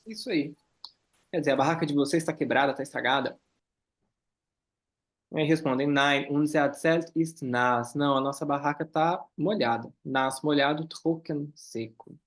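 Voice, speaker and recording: Man teaching German, high voice. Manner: switches between slow careful German and quick explanations. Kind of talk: online class, reading dialogue and translating.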